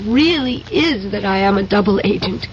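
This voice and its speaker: An actress in a 1970s radio drama plays an earnest femme fatale double agent, pleading with urgent insistence. Her medium-pitched voice is expressive and natural at a normal speed, on a muffled, noisy old recording.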